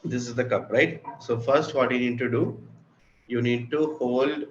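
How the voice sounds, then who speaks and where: This is a step-by-step spoken tutorial in which an Indian-accented man walks children through a craft, patiently keeping things simple and making sure they follow along. His mid-range voice holds a steady tone at a measured pace. Room noise comes through clearly on the muffled recording.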